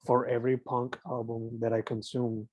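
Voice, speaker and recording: A man's voice: mid-range voice, flat delivery, a little slow, a little mellow, no room sound. A man of thirty, an easygoing interviewer who asks questions and keeps affirming his guest. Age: 30s. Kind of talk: casual interview, mixing Spanish and English. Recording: dull, dry, lo-fi sound.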